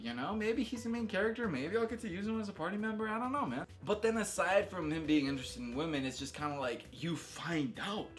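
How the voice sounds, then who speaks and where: A man hosts casual, unscripted video game commentary, talking enthusiastically with slang and emphatic exclamations. His voice is fairly high-pitched and a bit bright.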